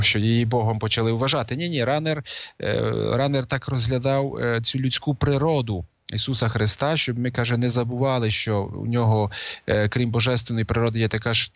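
A man lectures without a script, stopping often to fill gaps with hesitant sounds and restart his sentences. His voice sits at an ordinary middle pitch. The recording is dull and lo-fi, with a dry sound and no room echo. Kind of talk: unscripted lecture.

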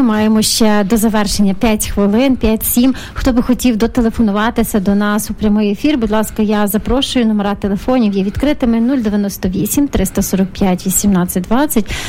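A woman's voice: medium pitch, warm tone, slight background noise. A woman hosting a live religious call-in radio show, chatting with a priest in a hesitant way with many filler sounds. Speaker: radio host. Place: radio studio.

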